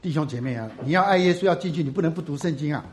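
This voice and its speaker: A pastor preaching to his congregation. He asks questions and answers them himself, swinging from loud emphatic bursts to low, soft asides. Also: rapid-fire, slight background noise. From Taiwan. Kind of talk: sermon.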